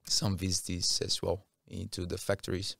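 A man in his thirties from Rio, Brazil, speaking with a Brazilian accent, chats casually as a podcast guest in a small curtained studio. His low, gravelly, husky voice is a bit bright and delivered completely flat at a moderate pace. He's close on a boom-arm studio mic, with no echo.

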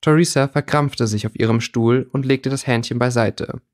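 A man reading fan fiction aloud as an audiobook, steady with small slips. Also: mid-range voice, normal speed. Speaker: audiobook reader.

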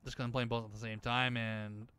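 A man's voice: medium pitch, level tone, a little fast, sharp tone, smooth. A man giving casual, rambling, joking commentary while playing a video game. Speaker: gaming video host. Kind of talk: casual let's-play commentary.

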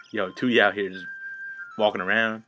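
A man's voice: lowish voice, bright, forceful tone. A young man hosting a casual let's play, full of slang, fillers and laughs. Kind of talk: casual gaming commentary.

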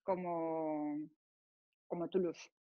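A woman's voice: low voice, extremely slow, no echo, phone-quality sound. A woman from Spain with a Spanish accent, a radio presenter and Spanish teacher, chatting as an interview guest and acting out the people in her stories. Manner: animated storyteller, acts out dialogue, laughs often. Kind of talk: casual interview chat.

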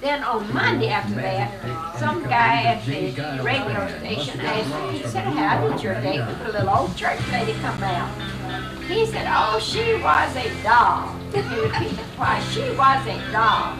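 An old woman in her eighties with a high, lively voice tells a story in a chatty way, repeating "I said" and "he said". The sound comes from an old VHS home-video tape, with her voice far from the camera in an echoey room and loud music behind. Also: a little slow. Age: 80s. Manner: chatty, retells dialogue with "I said, he said". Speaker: grandmother telling a story. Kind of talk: casual family storytelling. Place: family home, indoors. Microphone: camcorder microphone across the room.

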